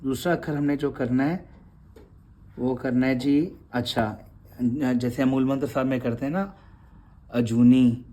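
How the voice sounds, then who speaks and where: A man's voice: medium pitch, fairly even intonation, moderate pace, darkish tone. A man teaching a spoken lesson on writing letters, patiently sounding them out and checking in after each word. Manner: patient, repeats sounds aloud, frequent "theek hai ji". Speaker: Gurmukhi teacher.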